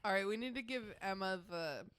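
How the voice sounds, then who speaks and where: A woman's voice: mid-range voice, lively intonation, fairly quick, fairly bright tone, clean tone, no echo, clean studio sound. A woman co-hosting a podcast, reading old writing aloud and breaking off into joking asides with frequent laughter. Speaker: podcast co-host.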